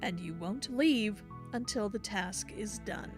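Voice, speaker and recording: A woman reading as a stern, insistent narrator of a dark storybook video game. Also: mid-range voice, lively intonation, slow, music in the background. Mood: ominous. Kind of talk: dramatic video game narration read aloud.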